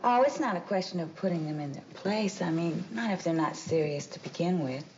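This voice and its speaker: Gossipy waitress witness, lowish voice, muffled old tv audio. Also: female voice, expressive, a little fast, a little mellow, slight background noise. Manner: breezy, gossipy testimony. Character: chatty young female club waitress on the stand. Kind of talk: 1970s TV courtroom drama. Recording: dull lo-fi TV soundtrack.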